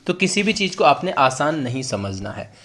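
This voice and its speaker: Teaching an online exam-prep class, a young man with an Uttarakhand Hindi accent explains concepts at a moderate pace. His fairly high voice is sing-song and a little bright, and he repeats words for emphasis while addressing students directly.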